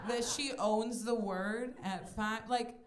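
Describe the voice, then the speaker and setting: A woman in her twenties performing a stand-up comedy set on a club stage, playful and animated, acting out voices in her quotes. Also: on the high side, slow pace. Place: comedy club stage before a live audience. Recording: echoey club room with audience noise.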